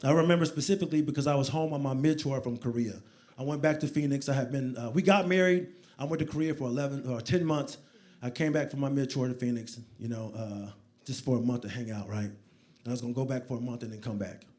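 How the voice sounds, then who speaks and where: A man in his forties doing stand-up comedy on a club stage, telling stories loudly and acting them out. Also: mid-range voice, fast talker. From United States. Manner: animated, loud, acts out scenes.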